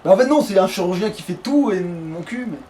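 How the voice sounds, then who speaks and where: His voice is high, expressive, and warm, moving a little fast as he plays a video game as a let's play host. He chats casually and mutters to himself with swearing, in a home recording where background noise is clearly audible.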